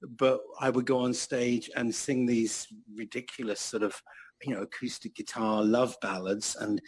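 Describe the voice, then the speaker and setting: A man's voice: mid-range voice, moderate pace, breathy edge. A man in his sixties, a guest musician telling self-mocking stories in an interview. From England. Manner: storytelling, self-mocking, animated. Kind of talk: anecdotal interview chat.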